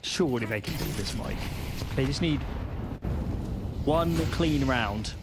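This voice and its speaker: A man's voice: medium pitch, lively intonation, a little slow. A man co-commentating a live esports match with conversational, wry analysis. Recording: faint background noise and clicks.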